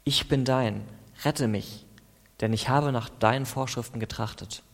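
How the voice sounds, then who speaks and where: A man of middle pitch reads psalm verses as a devotional, calm and deliberate. Between the verses he breaks off to explain in an easy, conversational tone. His voice carries a long reverb, as if recorded in a large hall. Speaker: preacher. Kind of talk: devotional Bible reading and commentary.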